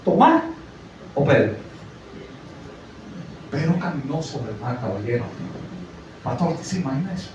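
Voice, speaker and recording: High-pitched preacher guy asking the church questions, lots of echo, mic far away. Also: lively intonation, normal speed, pauses often, dull audio. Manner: conversational, asks the congregation questions. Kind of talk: sermon. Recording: echoey, from far off, faint noise.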